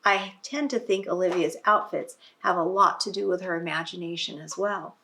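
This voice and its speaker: Reading a picture book aloud to young children like a teacher, a woman pauses for explanatory asides and prompting questions. Her voice is fairly low and sharp in tone, and she keeps a moderate pace through this expressive storybook read-aloud.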